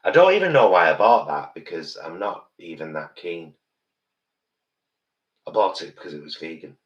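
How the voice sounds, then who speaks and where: A man's voice: sits low, sing-song, moderate pace, muffled recording. A British man in his early fifties, a campy drag queen chatting casually and thinking aloud during a live makeup session. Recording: roomy, distant, noisy background.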